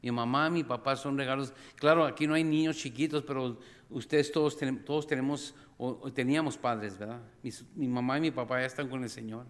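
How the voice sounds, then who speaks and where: A middle-aged man preaching a sermon as pastor, animated, acting out scenes with sudden cries and calling the congregation brothers and sisters. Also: medium pitch, fairly quick, hardly any pauses. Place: church sanctuary. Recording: long reverb of a church hall.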